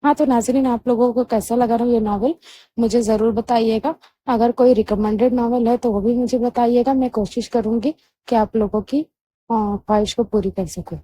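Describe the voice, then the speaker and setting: A woman with a high-pitched voice narrates a romantic novel for her channel. Her delivery is expressive and emotional, in steady audiobook storytelling. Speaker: novel reader and channel host.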